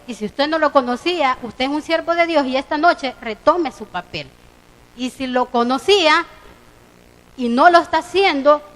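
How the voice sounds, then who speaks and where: A woman's voice: high-pitched, rough recording. A woman with a Salvadoran Spanish accent preaching a sermon, retelling conversations as she goes. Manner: storytelling, quoting conversations with lively voicing. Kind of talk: sermon with retold dialogue. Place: church.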